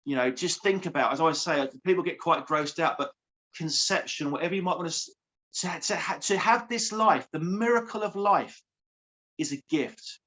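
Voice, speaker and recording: A man's voice: fairly high pitch, fairly bright tone. A man, a coach speaking earnestly as an interview guest, repeating phrases for emphasis. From England. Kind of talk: heartfelt interview.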